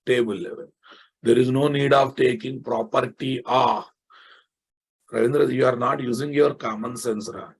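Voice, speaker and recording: A man with a Telugu Indian accent and a husky, gravelly voice, lecturing informally and bluntly, repeating phrases for emphasis. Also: mid-range voice, steady tone, moderate pace. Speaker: software programming teacher. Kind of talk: informal live online lecture.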